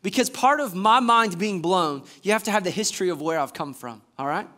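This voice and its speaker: With wide gestures and plenty of enthusiasm, an assistant pastor from Georgia, a man in his thirties, preaches a lively sermon and quizzes the congregation. He stands on a church stage in front of a screen, and his high voice moves briskly.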